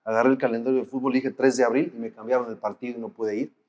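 A man's voice: medium pitch, flat delivery, quick pace, a little mellow, big-room sound, muffled recording. A Mexican man hosting a casual chat, speaking in a reflective, conversational way. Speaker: host.

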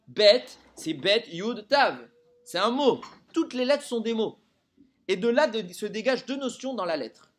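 A man's voice: sits high, sing-song, a little slow. A man teaching a Torah lesson to a group, keeping listeners engaged with frequent rhetorical questions.

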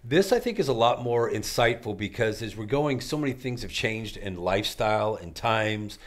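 A man with a somewhat low voice, talking as an author and life coach in an interview. He delivers his points with energetic, preacher-like conviction and punchy repetition. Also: moderate pace. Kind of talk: motivational interview talk.

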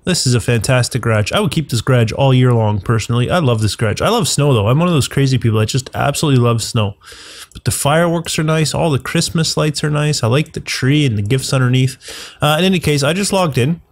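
He's a fast-talking gaming channel host with a mid-range voice, stuffed up from the flu as he plays through a video game. His casual commentary rambles, with plenty of thinking aloud and self-correction.

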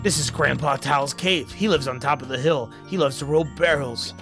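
A man reading as a matter-of-fact gatekeeper car in a video game, explaining in a measured way. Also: a little high, music in the background, pitched below the performer's own voice, natural voice. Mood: instructive.

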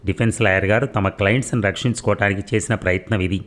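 A man's voice: lowish voice, fairly even intonation, fast talker, lightly acted. A man voicing an indignant prosecutor in a courtroom story, objecting insistently.

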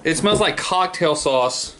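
A man's voice: fairly high pitch, lively intonation, unhurried, fairly bright tone, a little hiss or hum. A man, a dad hosting a casual taste-test vlog, joking and reacting playfully as he talks.

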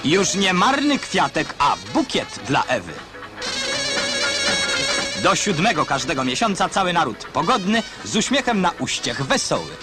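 A man's voice: fairly high pitch, sing-song, a little slow. A man narrating a 1960s newsreel voice-over with wry, ironic commentary. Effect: old newsreel narration. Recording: narration under loud music.

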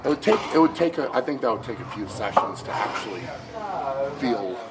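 A man's voice: medium pitch, expressive, brisk, over a noisy crowd. A man in his thirties talking casually in a gym as a strongman vlogging his training, with hesitant, trailing phrasing. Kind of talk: casual chat. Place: indoor gym.

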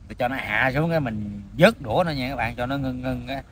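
A man's voice: mid-range voice, fast, a little hiss or hum. Southern Vietnamese man, mouth burning from spicy food. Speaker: mukbang host. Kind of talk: casual chat to viewers while eating. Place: outdoors in greenery, sitting on the ground. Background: music.

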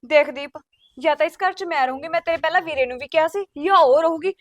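Woman playing an exasperated village sister-in-law, Punjabi accent, high quick voice, dry close sound. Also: no room sound, close to an everyday voice. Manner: insistent, complaining. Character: fed-up sister-in-law demanding eviction. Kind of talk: rural village drama acting.

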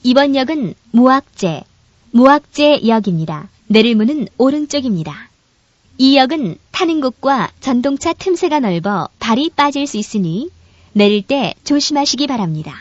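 A woman giving a formal, polite train announcement over an onboard speaker, each stop spoken in measured phrases. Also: high-pitched, sing-song, no room sound. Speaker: subway announcer. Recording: dull, dry lo-fi recording.

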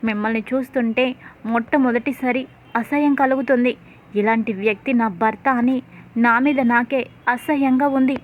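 Woman reading a crying, furious young wife; high voice, tinny phone-like sound. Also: fairly even intonation, moderate pace, slight background noise, natural voice. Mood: tearful anger. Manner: crying, accusing.

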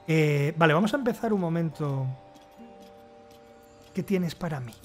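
A man's voice: on the high side, animated, measured pace, soft background music. A man with a Castilian Spanish accent reading game text aloud and commenting casually, with wry asides. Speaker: gamer playing and commenting.

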